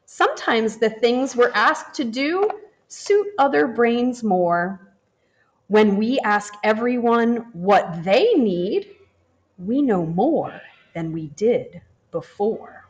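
Reading a children's storybook aloud as a teacher would to a class, a woman speaks slowly and warmly, with wide, animated pitch swings meant to engage young listeners. The camera is above the book, capturing hands turning the pages.

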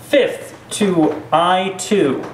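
A man's voice: sits high, very slow, a little hiss or hum. A man playing a board game, reading out unit moves and explaining rules plainly. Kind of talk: casual chat over a board game. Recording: echoey room, mic some distance off.

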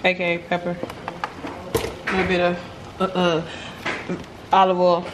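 A middle-aged woman, a mother, walking through a recipe in her home kitchen with a relaxed, dry, offhand manner. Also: on the low side, moderate pace. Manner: relaxed, dry, brushing off teasing. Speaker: mother cooking on camera. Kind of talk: casual cooking demonstration. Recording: noisy kitchen with frying sizzle.

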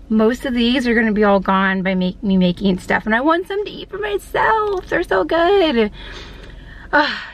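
Vlogger, woman, slightly high, chatty and rambling, handheld camera, casual to-camera talk. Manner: chatty and lively, rambling with fillers. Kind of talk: casual vlog chat to camera. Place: outdoors and in her car on a hot day.

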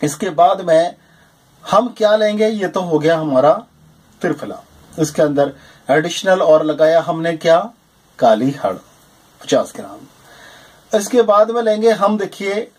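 A man's voice: sits high, husky. A man in his forties animatedly explaining a herbal home remedy to viewers, with frequent emphatic affirmations, recorded at desk distance in a small room. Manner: animated and emphatic, with repeated "jī hāṃ" and "ṭhīk hai". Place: small indoor room lined with shelves of medicine bottles.

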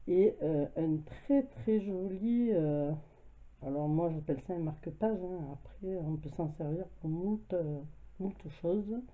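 A French woman with a cold talks through her craft haul, hesitant and full of fillers. Her voice sits fairly low. The sound is tinny and thin, as if over a phone line. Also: unhurried. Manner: chatty, hesitant, many fillers. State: has a cold, coughing. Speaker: craft vlogger. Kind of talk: casual haul video. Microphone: camera mic at home.

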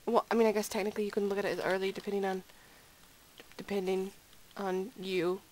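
A woman's voice: medium pitch, level tone, a little fast, darkish tone, poor audio. A sleepy woman giving rambling, giggly, self-deprecating gameplay commentary at home late at night. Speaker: gaming video creator.

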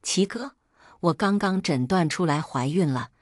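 A woman's voice: on the low side, animated, a little slow, dry recording, clean studio sound. A woman voicing a coquettish young woman who is sweet-talking her boyfriend in a storybook reading. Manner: sweet, wheedling.

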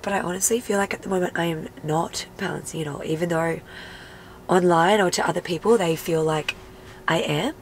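Sick-sounding mum vlogger, nasally and a bit gravelly, lowish voice, just rambling honestly in her car. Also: brisk, a little hiss or hum, rough recording. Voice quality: nasal, congested voice. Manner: chatty, candid, many "like" fillers. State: sick with a cold. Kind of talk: casual car chat to camera. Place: inside a parked car.

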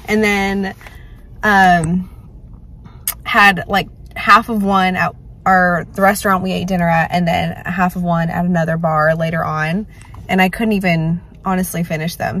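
A woman in her late twenties vlogs in a relaxed, chatty ramble. Her voice is husky and a touch hoarse after a loud night out. She keeps making fun of herself as she talks to the camera. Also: mid-range voice. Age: late 20s. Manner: chatty and rambling, self-deprecating. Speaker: vlogger. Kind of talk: casual vlog chat to camera.

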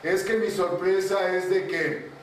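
A man's voice: high voice, flat delivery, unhurried, a little hiss or hum. A man voicing Death, cavernous and matter-of-fact. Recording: echoey room, far from mic.

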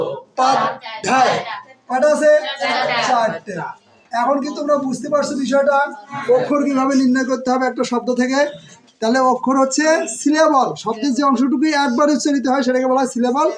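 Amid crowd noise on a low-quality recording, a man teaches an exam-oriented grammar lesson in a very high, steady voice. He questions his students, then responds himself, repeating words slowly with each syllable drawn out.

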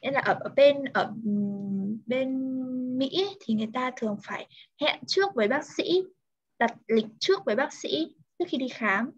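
A woman's voice: sits high, animated, breathy edge. Vietnamese woman tutoring English, lo-fi. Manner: patient, explains words slowly in Vietnamese. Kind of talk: online English lesson.

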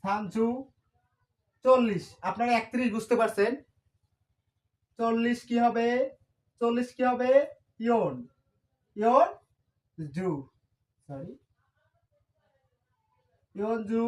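A woman teaching a beginner language lesson, repeating each number and asking and answering her own questions, with quick self-corrections. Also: on the high side, a little mellow. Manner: corrects herself with quick "sorry". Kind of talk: whiteboard lesson explanation.

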